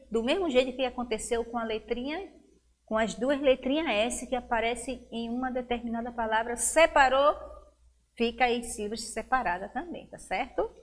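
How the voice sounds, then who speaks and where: A woman teacher with a Brazilian Portuguese accent speaks at an unhurried pace in a slightly high voice. She stretches out each word slowly and clearly as she sounds out syllables for young children in a televised lesson. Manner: slow, clear, drawn-out syllables when sounding out words. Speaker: primary school teacher.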